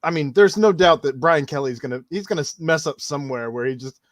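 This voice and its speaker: A man hosting a casual sports podcast, steering the talk from topic to topic in a relaxed, conversational way. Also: on the high side, fast, no echo, studio quality. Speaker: podcast host.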